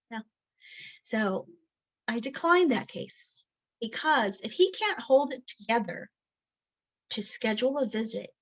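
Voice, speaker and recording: A woman's voice: on the high side, fairly bright tone. A middle-aged woman teaching a recorded training lesson, chatty and candid, with many fillers and quoted asides. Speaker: training instructor.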